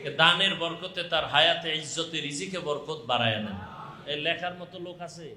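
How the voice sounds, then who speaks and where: A man's voice: fairly high pitch, brisk, sharp tone, a little hiss or hum. A Bangladeshi man preaching a live donation appeal, urging listeners repeatedly and calling out pledges with short blessings. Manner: urging, repetitive calls to the crowd. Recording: echoing public-address sound.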